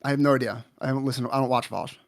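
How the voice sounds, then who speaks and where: Man, thirties, rapid speech, blunt, profane, dismissive debater. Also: mid-range voice, steady tone. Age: 30s. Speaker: debate guest. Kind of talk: heated online debate.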